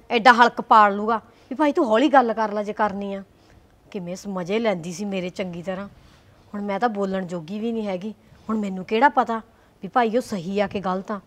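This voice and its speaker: A woman's voice: mid-range voice, natural voice. A woman playing a sarcastic, grumbling housewife in a village comedy drama.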